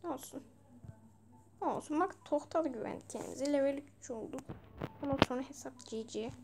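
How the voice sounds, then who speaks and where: A young woman giving casual, exasperated gameplay commentary with bursts of shouting and swearing. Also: sits high, normal speed, vocal fry, background noise. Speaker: gaming video creator.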